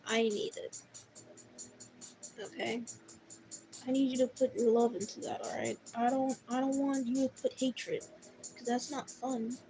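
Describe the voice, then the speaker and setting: A woman's voice: high voice, rough recording. A woman artist chatting casually and teasingly while she draws, giggling and tripping over repeated words. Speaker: artist streaming a drawing session. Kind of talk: casual chat while drawing.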